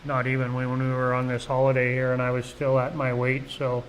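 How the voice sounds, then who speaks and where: A man's voice: mid-range voice, completely flat delivery, a little fast, slight background noise, low-quality recording. A middle-aged man from Canada hosting a casual live vlog, rambling along with lots of "you know" and restarts. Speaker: vlog host. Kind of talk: casual live-stream chat.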